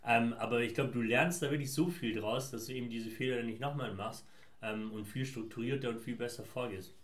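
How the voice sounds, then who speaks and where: A man's voice: medium pitch, a little fast. A man from Afghanistan, a founder answering interview questions in long, winding, reflective sentences. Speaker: guest, founder. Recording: roomy echo.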